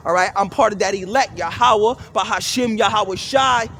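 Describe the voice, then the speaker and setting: A man's voice: high-pitched, normal speed, sharp tone, a little hiss or hum. A man preaching scripture outdoors in a fervent, emphatic way, constantly checking in with "all right?" and "man". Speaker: street preacher. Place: outdoors by a street.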